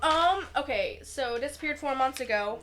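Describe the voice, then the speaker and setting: A woman with a stuffy, congested voice chats loosely as she works through a mystery game on stream. Her voice sits a touch high, full of fillers as she thinks aloud. Soft music plays faintly behind her. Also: lively intonation, normal speed. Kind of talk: casual chat and reading aloud.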